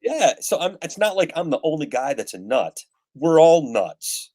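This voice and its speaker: A man's voice: on the high side, big pitch swings, normal speed, a little mellow. A man in his fifties chatting casually as a guest guitarist, rambling with gear-nerd enthusiasm. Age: 50s. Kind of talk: casual chat.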